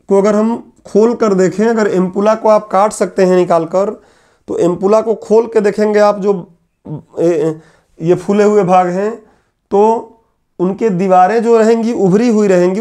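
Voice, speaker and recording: A male teacher giving a classroom lecture, repeating key phrases slowly so students can write them down. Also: sits high, dark tone. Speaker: exam coaching teacher. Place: classroom with whiteboard.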